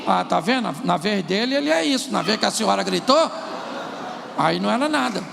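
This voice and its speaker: Gravelly-voiced preacher in a hall. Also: male voice, sits high, animated, fairly quick, background noise. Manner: humorous storytelling, acts out couples' quarrels. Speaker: pastor. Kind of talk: sermon. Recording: large hall with long reverb.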